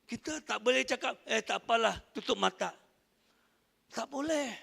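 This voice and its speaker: An older man preaches in a high, gravelly voice with a bright, ringing edge. He speaks slowly and emphatically, leaning on each point. The sound carries a long church-hall reverb. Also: lively intonation. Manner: emphatic preaching with frequent hallelujahs. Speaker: pastor. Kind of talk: sermon.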